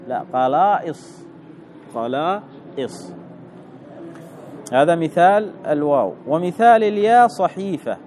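A man teaching Arabic grammar, reading a text and explaining it slowly, repeating key words and putting questions to the listener. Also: fairly high pitch, darkish tone, slight background noise.

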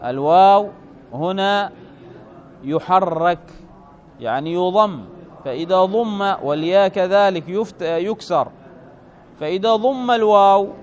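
A man teaching an Arabic grammar lesson to a class, asking questions and stretching out his examples. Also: high voice. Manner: questioning, drawn-out stresses on examples.

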